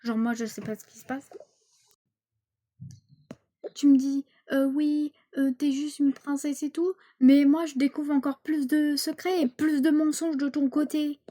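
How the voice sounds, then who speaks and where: A woman's voice: on the high side, level tone, fast talker, few pauses, dark tone, lightly acted. A woman voicing an indignant teenage girl, almost eighteen, accusing her mother with casual slang. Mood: angry. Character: angry teenage girl nearly eighteen, rebellious.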